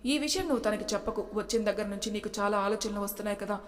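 A woman's voice: mid-range voice, racing, natural voice. A woman voicing a protective young man who speaks firmly but tenderly, in a storybook reading. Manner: firm, commanding yet gentle. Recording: reverberant room.

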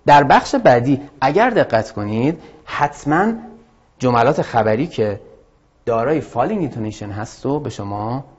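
A man's voice: medium pitch, lively intonation. A man teaching an English lesson to students, explaining patiently and addressing them directly. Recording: dull lo-fi audio.

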